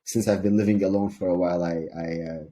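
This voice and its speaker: A man from Syria, a sales coach, speaking calmly and measuredly as an interview guest, with frequent ums. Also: low voice, fast, a little hiss or hum.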